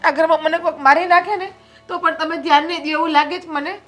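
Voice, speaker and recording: An actress playing a scheming elder sister-in-law in a family drama. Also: female voice, very high voice, steady tone, fast, a bit bright, soft background music. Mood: aggrieved.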